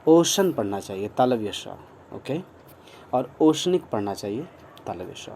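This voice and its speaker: A man from India, with an Indian accent and a lowish, mellow voice, speaks a little slowly over a faint hiss or hum. He gives an online English vocabulary lesson in a mix of Hindi and English, spelling words letter by letter and repeating them encouragingly.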